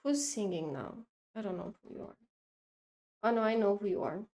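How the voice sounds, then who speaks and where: A young woman streaming while she draws, chatting casually to her viewers in a rambling, excitable way that keeps breaking off mid-sentence. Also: medium pitch, normal speed, dull audio. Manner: rambling, self-interrupting, excitable.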